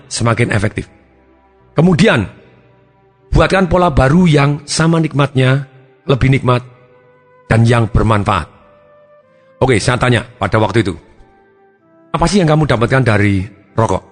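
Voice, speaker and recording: A man giving a self-help talk as a therapist, acting out his client's words in animated shifting voices. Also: mid-range voice. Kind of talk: motivational talk with acted anecdotes.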